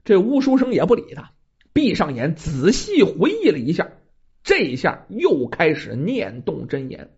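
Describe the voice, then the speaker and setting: A storyteller telling a folk ghost tale in a lively, colloquial way, talking to the listeners. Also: medium pitch, unhurried, slightly rough, highs cut off.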